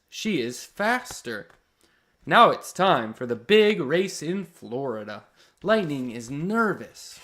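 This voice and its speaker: Hosting children's picture-book storytime, a man reads expressively in simple phrases and chats with his young listeners. His voice is a little high, bright and forceful.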